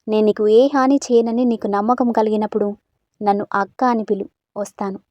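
A woman voicing a gentle, protective female ghost who talks softly and patiently in a storybook. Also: mid-range voice, steady tone, a little fast, no echo, lightly acted. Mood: soft calm. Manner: soft, reassuring, patient.

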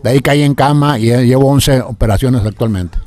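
A man's voice: mid-range voice, dark tone. An older man, a radio announcer, talking in a casual interview and often stumbling and repeating words. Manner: halting, repeats words after a stroke.

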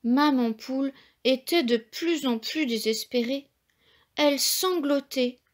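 A woman reading a children's picture book aloud in a gentle, unhurried way. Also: sits high. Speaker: storyteller.

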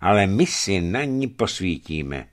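A man voicing an excitable male expedition companion who talks emphatically. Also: sits low. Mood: emphatic. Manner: emphatic, exclaiming.

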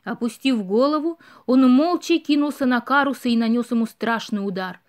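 A woman reading a storybook audiobook aloud with expressive storytelling. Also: fairly high pitch, moderate pace. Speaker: audiobook reader. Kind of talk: storybook narration.

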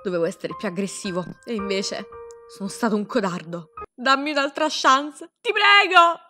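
A woman's voice: fairly high pitch, normal speed, music in the background, close to an everyday voice. Woman doing a remorseful teen boy athlete. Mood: pleading. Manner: pleading. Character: remorseful teenage boy athlete begging for a chance.

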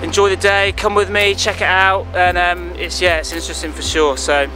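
A man in his thirties talks casually to a close camera on a clifftop by the sea. His voice sits a little high, and he rambles easily with lots of ums and likes while music plays underneath. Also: level tone, a little fast, poor audio. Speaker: big-wave surfer and vlogger. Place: outdoors on a clifftop by the sea at dusk.

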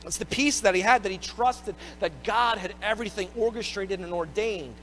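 A man pastor preaching a sermon, expressive, swinging between loud emphatic bursts and quiet low phrases. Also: normal speed, a little hiss or hum. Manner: expressive preaching, rising and dropping in pitch and volume.

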